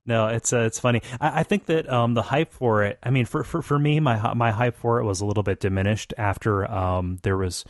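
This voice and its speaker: A man's voice: medium pitch, fairly quick, few pauses, dry recording, clean studio sound. A man hosting a casual podcast chat, rambling and joking with many restarts. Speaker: podcast host.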